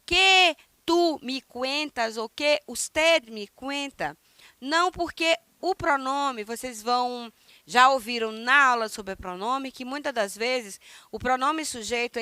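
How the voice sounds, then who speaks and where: A Brazilian woman, native Portuguese speaker, teaching a recorded Spanish lesson, who pronounces phrases slowly and emphatically and then adds quick asides, checking in with "né?" and "tá?". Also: fairly high pitch, bright, forceful tone, no room sound. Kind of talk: recorded online language lesson.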